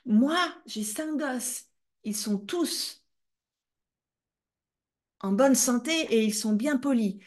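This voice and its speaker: A woman's voice: on the high side, sing-song, pitched above the performer's own voice. Woman doing a coarse, worn-out angry mother. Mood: scolding. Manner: coarse, slow, scolding.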